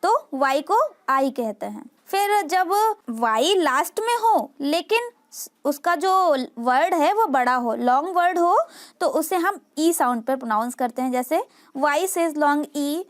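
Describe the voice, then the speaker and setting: Slow, high-voiced woman teaching phonics. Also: animated. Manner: spells out letters and sounds word by word. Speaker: home tutor teaching English reading. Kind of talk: phonics lesson for parents.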